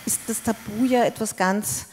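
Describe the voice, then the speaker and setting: A woman's voice: on the high side, steady tone, moderate pace, a little mellow, breathy edge. A woman moderating a panel discussion in a large hall, guiding with questions and explanations on a handheld mic.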